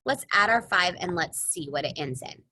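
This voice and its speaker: A woman's voice: on the low side, lively intonation, normal speed, pushed and bright, husky, rough recording. A woman teaching young children a math lesson in an exaggerated, sing-song, encouraging kindergarten-teacher voice, posing questions and answering them herself. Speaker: elementary school teacher.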